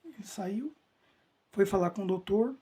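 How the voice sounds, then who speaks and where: A church member gives an emotional personal testimony in a husky, slightly breathy voice that is high-pitched yet dark in tone, with lively intonation and a slightly slow pace. He speaks earnestly, repeating key phrases for emphasis, and his sentences often break off and start again.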